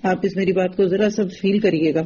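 A woman's voice: on the low side, fairly even intonation, mellow, breathy edge, dull audio. Earnest woman giving a religious lecture. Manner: earnest, direct, asks the audience rhetorical questions. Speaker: religious teacher.

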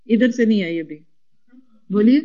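A woman teaching a classroom lesson, spelling out root letters slowly and coaxing the class to repeat after her. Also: a little high, darkish tone, highs cut off. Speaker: Quran Arabic teacher.

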